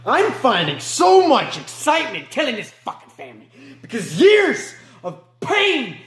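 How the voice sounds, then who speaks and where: A man playing a remorseless male killer in an amateur film monologue, moving between low mutters and sharp outbursts. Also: wildly swooping pitch, unhurried, roomy sound, exaggerated voice. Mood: gleeful, frenzied. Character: remorseless male killer recounting his crimes.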